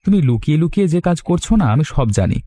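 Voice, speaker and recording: With a sly, menacing edge, a man voices a boastful village rogue in an audio story, speaking very animatedly at a quick pace. His husky, mellow tone ranges widely in pitch as he swaggers and cajoles.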